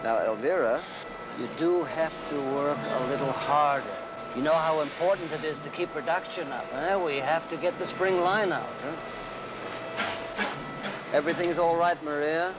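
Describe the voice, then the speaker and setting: A man's voice: on the high side, normal speed, very noisy, natural voice. A man playing a patronizing factory boss. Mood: placating. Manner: soothing, patronizing, tags lines with "eh?". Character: paternal older male factory owner, smooth and placating.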